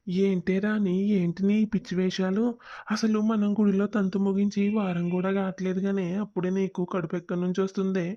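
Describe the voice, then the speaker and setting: A woman's voice: mid-range voice, flat delivery, a little fast, lightly acted. A woman voicing Ramu, a cheating young husband. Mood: annoyed. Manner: defensive, dismissive. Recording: dull lo-fi audio.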